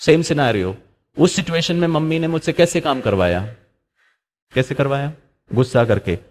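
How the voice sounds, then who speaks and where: A man's voice: medium pitch, animated, a little slow. A middle-aged man giving a motivational talk. He slips English into Hindi, asks rhetorical questions and acts out the voices in his stories. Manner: acts out quoted voices while telling stories. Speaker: spiritual speaker.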